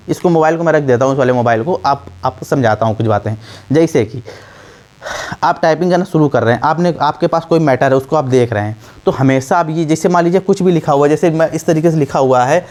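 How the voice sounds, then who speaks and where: A man's voice: on the high side, darkish tone. A man teaching typing in a casual, repetitive way, full of fillers and restarts, often checking that the listener follows. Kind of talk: casual spoken tutorial.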